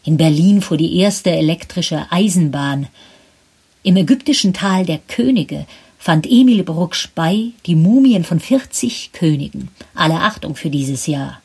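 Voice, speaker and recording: Husky woman narrating a story. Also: fairly low pitch, expressive, unhurried, darkish tone.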